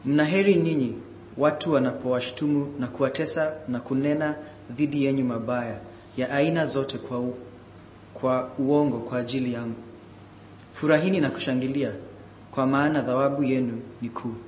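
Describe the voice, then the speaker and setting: A man's voice: mid-range voice, steady tone, normal speed, darkish tone. A man reading scripture aloud as a Bible reader. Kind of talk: scripture reading and short personal remark. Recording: echoey room with faint background noise.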